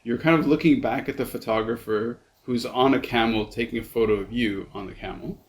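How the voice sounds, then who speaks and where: A man hosting a podcast in casual chat, halting and repeating words as he thinks. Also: mid-range voice. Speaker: podcast host.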